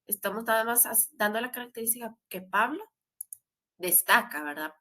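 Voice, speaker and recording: A woman's voice: a little high, lively intonation, moderate pace, sharp tone. A woman teaching English grammar in a recorded class. She explains step by step and often adds a questioning tag.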